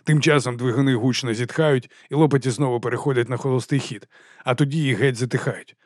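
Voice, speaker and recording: A man narrating an audiobook in an even, measured way. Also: mid-range voice, no room sound, clean studio sound.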